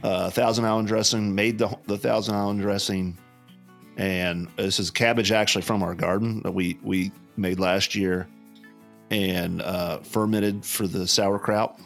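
A low-pitched man, a pastor co-hosting a podcast, tells a story in a loose, meandering way. He stops and restarts often, filling gaps with "uh", and keeps a deadpan tone. Faint music plays under him. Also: a little slow, gravelly. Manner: rambling, hesitant, full of fillers and restarts, deadpan. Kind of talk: casual podcast chat.

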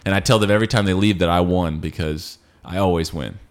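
A young man co-hosting a casual church podcast, rambling and correcting himself, loud and playful. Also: deep voice, fast talker. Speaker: podcast co-host.

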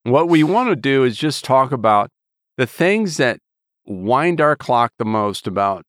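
Co-host, man, smooth resonant voice, halting, filler-heavy delivery, dry close sound. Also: mid-range voice, animated, fairly bright tone, no echo. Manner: rambling, halting with many fillers and restarts. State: voice lower than usual from a cold. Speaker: podcast co-host. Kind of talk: casual chat.

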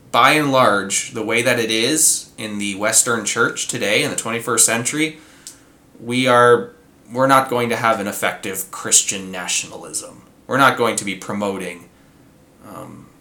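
A man hosting a solo podcast, speaking earnestly and slowing down to stress his points. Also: fairly low pitch, sharp tone, reverberant. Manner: earnest, slows down for emphasis. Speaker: podcast host.

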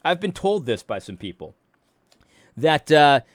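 This married Connecticut man, an adult commentary host reacting to a clip, talks in a sing-song, slightly high voice at a somewhat slow pace. The recording is clean studio sound without echo, and his casual commentary is full of restarts and mocking asides.

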